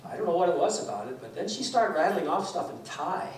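This high-pitched, lively man speaks quickly, a Taiwan-raised guest preacher in his sixties sharing casual sermon stories. His talk keeps stopping and restarting, peppered with fillers, while he gestures. Recorded indoors from afar in a reverberant church hall, with a faint hiss or hum.

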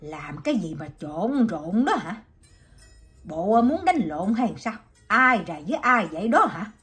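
A woman's voice: mid-range voice, big pitch swings, measured pace, fairly bright tone, soft background music. A woman voicing an imposing, stern man near fifty who commands a rowdy crowd in a storybook reading.

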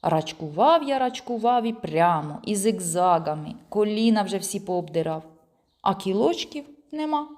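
A woman reading a children's audiobook aloud in an expressive first-person storytelling manner. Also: mid-range voice, normal speed. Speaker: audiobook reader. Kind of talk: storytelling narration.

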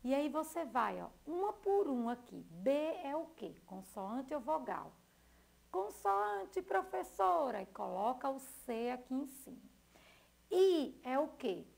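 A woman teacher from Brazil giving a recorded lesson to young children, spelling out letters one by one in a slow, sing-song way. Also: high voice, big pitch swings, gravelly, mellow. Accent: Brazilian Portuguese.

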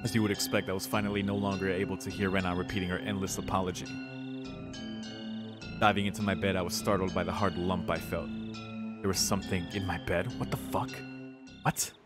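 A low-voiced man with a flat, brisk delivery reads a visual novel aloud as a streamer. Between passages he drops casual, sweary reactions in let's-play style, with game music behind him.

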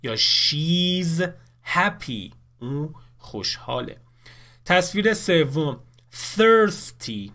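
A man teaching English in a recorded lesson, explaining clearly in Persian and saying the English words slowly. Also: on the high side, animated, pushed and bright.

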